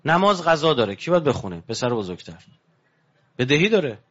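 On a dull, lo-fi recording, a male preacher gives an animated religious talk. His emphasis keeps rising, though he goes quiet and hushed whenever he shifts into a story.

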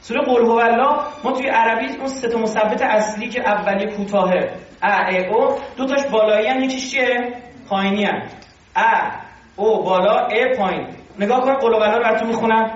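High-voiced man lecturing in an echoey hall. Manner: animated and conversational, with rhetorical questions. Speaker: religious teacher. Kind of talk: informal religious lecture. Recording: very echoey, distant and dull.

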